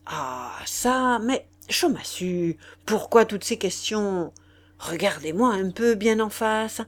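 A woman reading aloud and voicing a boastful, smooth-talking aristocratic marquis with emphatic bluster. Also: high voice, expressive, takes it slowly. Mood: indignant.

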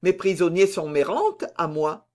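Brief: male narrator voicing a timid plump old prison governor, mournful, pitched high. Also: big pitch swings, measured pace, darkish tone. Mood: plaintive. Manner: timid, plaintive. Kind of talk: audiobook reading.

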